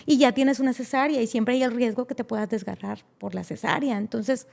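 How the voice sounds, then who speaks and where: A woman's voice: on the high side, brisk, gravelly, a little mellow. A woman, a podcast guest telling an emotional personal story and acting out the people she quotes, with many fillers.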